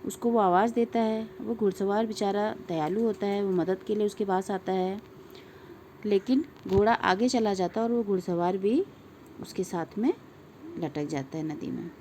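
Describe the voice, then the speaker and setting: A woman's voice: mid-range voice, moderate pace, warm tone, a little hiss or hum. A woman teacher giving a primary-school language lesson, patiently explaining and reciting word lists one word at a time, often prompting her pupils to look. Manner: explains patiently, as if to young children.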